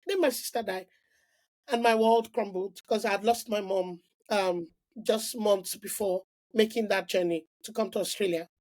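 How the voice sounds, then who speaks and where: Speaking at a medium pitch and ordinary pace, this middle-aged Nigerian woman recounts her story as a guest on a podcast. The interview feels relaxed and animated, and she keeps restarting sentences and saying "like."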